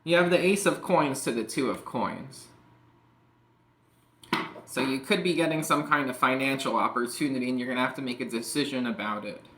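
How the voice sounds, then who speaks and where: A man's voice: medium pitch, normal speed, sharp tone, a little hiss or hum. A man giving a casual tarot reading, rambling and peppering his talk with "like" and "you know". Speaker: tarot reader. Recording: echoey room.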